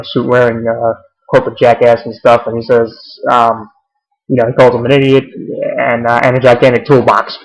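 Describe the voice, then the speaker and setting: A man's voice: medium pitch, poor audio. A young man giving a casual, rambling recap of a wrestling show, full of fillers and restarts.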